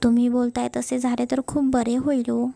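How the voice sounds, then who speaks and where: A woman's voice: a little high, flat delivery, normal speed, creaky, warm tone. A woman voicing a caring middle-aged mother in a read-aloud story, speaking affectionately with a scolding edge. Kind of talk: storybook narration.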